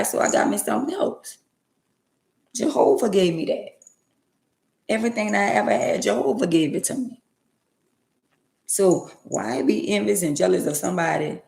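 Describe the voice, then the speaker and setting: A woman's voice: on the low side, creaky, a little mellow, reverberant. A woman around sixty, talking emphatically and repetitively in a preachy, casual way on her livestream. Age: 60s. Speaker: livestream host.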